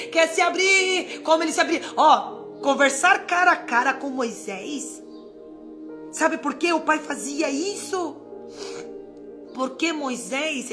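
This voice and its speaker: A fervent woman preacher, speaking in a high voice. She talks to her listeners directly and acts out prayers to God. Music plays clearly behind her. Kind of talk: live-streamed daily devotional.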